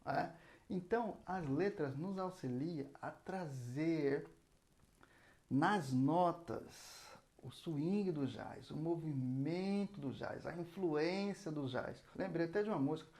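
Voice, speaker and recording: A man's voice: on the high side, slow pace, darkish tone. A man teaching a casual saxophone lesson, explaining patiently and singing out rhythm syllables as he goes. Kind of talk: casual spoken music lesson.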